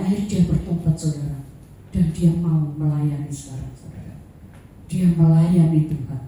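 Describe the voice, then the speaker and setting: A woman preaching a lively sermon, telling stories and often calling out to the congregation, her voice swinging between loud and soft. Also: a little high, slight background noise. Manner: repeats "Saudara" to the congregation. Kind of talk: sermon with anecdotes. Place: church prayer meeting hall. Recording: very echoey hall, voice from far off.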